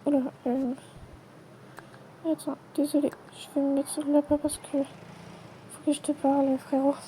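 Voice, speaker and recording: A woman acting out a playful toy role-play, switching quickly between many characters in chatty everyday dialogue. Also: sits high, completely flat delivery, warm tone, a little hiss or hum. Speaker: channel creator voicing every character.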